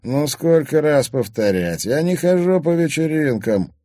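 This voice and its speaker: A man's voice: on the high side, lively intonation, measured pace, dark tone, no echo, studio quality, voice pushed up. A man reading an audiobook, voicing an arrogant, charming young man who talks in a smug, teasing way. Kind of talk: audiobook character voice.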